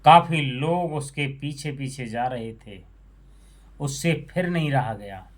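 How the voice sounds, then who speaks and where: Slow, earnest male storyteller. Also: mid-range voice. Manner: addresses listeners as friends, moralizing. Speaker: storyteller on his own channel. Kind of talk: moral storytelling.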